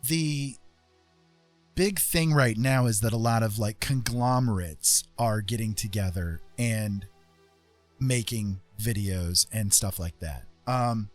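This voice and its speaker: With music playing behind him, a man hosting a livestream chats casually in a lowish, slow voice. He explains things in a rambling, emphatic way, repeating phrases for stress.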